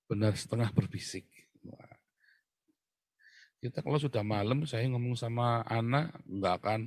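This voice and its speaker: A middle-aged male pastor with a Tegal Javanese accent delivers a casual, chatty sermon. He talks at a middle pitch and swings from loud emphasis to hushed asides. The sound is dry and close, with no room echo. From Tegal, Central Java.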